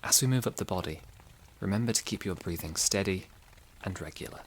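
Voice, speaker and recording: A low-pitched man hosts a guided sleep meditation podcast, giving soothing, gentle, unhurried instructions.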